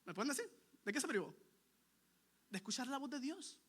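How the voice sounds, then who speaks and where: A man with a high, bright, forceful voice preaches a sermon. He is earnest and emphatic, driving his points home by repeating them, and he turns to the listeners with direct questions. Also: sing-song, brisk, breathy edge.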